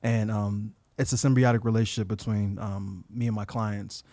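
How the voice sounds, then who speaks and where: A man speaking as a guest on a podcast, earnest and reflective, often pausing with um and framing his work in terms of faith. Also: fairly low pitch, level tone, warm tone, dry recording. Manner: many thinking pauses with um. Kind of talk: casual podcast interview.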